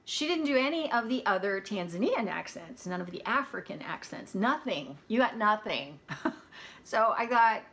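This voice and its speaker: An American woman chatting about audiobooks in a relaxed, candid way. She talks plainly, with easy asides, at a middling pitch. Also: moderate pace. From United States. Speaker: audiobook reviewer. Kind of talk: casual chat.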